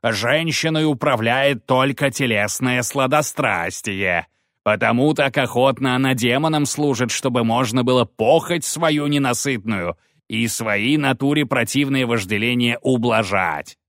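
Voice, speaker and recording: A male narrator voicing a gaunt fanatical priest who preaches in a slow, drawn-out tirade in an audiobook. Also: mid-range voice, fairly bright tone, dry recording, studio quality, pitched above the performer's own voice. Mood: ranting. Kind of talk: audiobook character voice.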